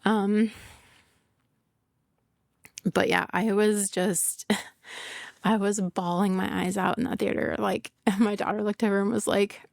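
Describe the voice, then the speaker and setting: A woman's voice: medium pitch, little pitch movement, takes it slowly, gravelly, pauses often, no echo, clean studio sound. A middle-aged woman hosting a podcast in casual solo talk, candid and emotional, laughing often and swearing, full of "like" fillers. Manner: emotional, confessional. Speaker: podcast host.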